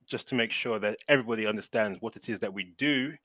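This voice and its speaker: A man's voice: fairly low pitch, quick pace, no room sound. A man from London, a fintech managing director, telling a casual anecdote on a webinar video call, laughing and acting out voices as he goes. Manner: animated storyteller, laughing, acting out quoted voices.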